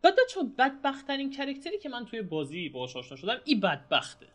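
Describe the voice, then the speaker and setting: Excitable young man playing a game. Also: extremely high pitch. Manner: excitable, shouts and groans at the game. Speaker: gameplay streamer. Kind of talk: casual gameplay commentary. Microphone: home mic with some noise.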